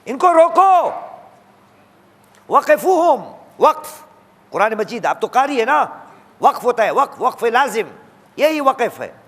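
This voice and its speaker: A man preaching with a very high, gravelly voice that swings lively up and down. He drives home his sermon with rhetorical questions and repeated refrains, and recites verses in Arabic. The sound carries a long reverb from a large hall. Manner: recites Quranic verses in Arabic between plain exhortation.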